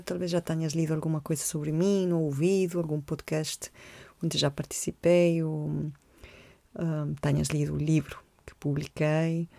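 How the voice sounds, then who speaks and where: Female podcast host, 40s, low gravelly voice, flat intonation, soft personal storytelling. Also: dry recording. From Colombia. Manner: gentle, reflective, with frequent hesitations and repeated words.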